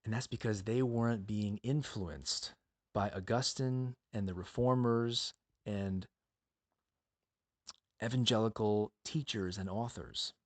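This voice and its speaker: A man hosting a Bible teaching podcast speaks earnestly and emphatically in a monologue of rhetorical questions and direct appeals to the listener. His voice is lowish and slow.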